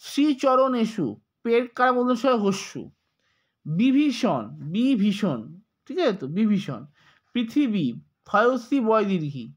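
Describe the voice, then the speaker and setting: A man with a high voice and a Bengali accent teaches spelling to exam students. He dictates corrections slowly, spells each word out letter by letter and repeats the key points patiently. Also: sing-song. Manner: slow, repetitive, spells words letter by letter. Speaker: exam tutor.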